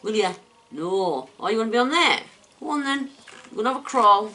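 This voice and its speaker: A woman's voice: a little high, lively intonation, brisk, pushed and bright. A woman at home, coaxing and praising her pet bird in a sing-song baby-talk voice. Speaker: pet owner. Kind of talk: casual chat to a pet bird. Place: indoors at home.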